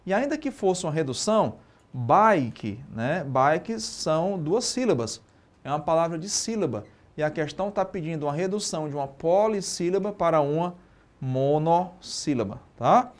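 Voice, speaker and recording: A man with a Brazilian Portuguese accent teaching a live online exam-prep lesson, lively and constantly checking in with tag questions. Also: a little high, normal speed. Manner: lively, asks and answers own questions, frequent tag questions.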